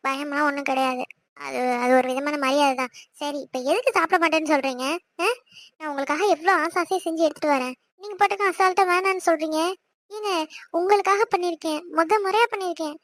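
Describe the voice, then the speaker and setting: A woman voicing a young wife in an animated series, arguing and pleading quickly and insistently. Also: extremely high pitch, no room sound. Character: young wife, stubborn and outspoken.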